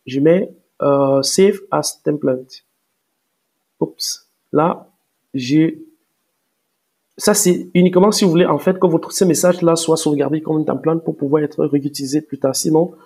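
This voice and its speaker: A man walking viewers through software step by step in a screen-recorded tutorial, hesitant with many fillers and restarts. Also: fairly high pitch, vocal fry, slightly rough. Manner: explains step by step, addressing viewers directly. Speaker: tutorial presenter.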